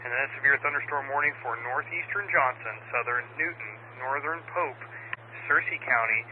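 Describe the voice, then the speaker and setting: A man's voice: medium pitch, moderate pace. An American man working as an amateur radio net controller, reading out weather bulletins and call signs in a procedural way over a two-way radio. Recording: phone-like radio audio with static noise.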